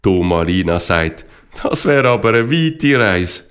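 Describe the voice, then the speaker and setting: A man narrating a children's story with slow, lively reading. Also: fairly low pitch, smooth.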